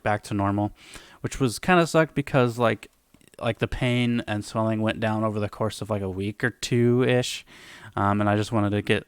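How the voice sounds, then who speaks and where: Man, fairly low voice, casual vlogger, informal explanatory talk. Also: smooth, no room sound.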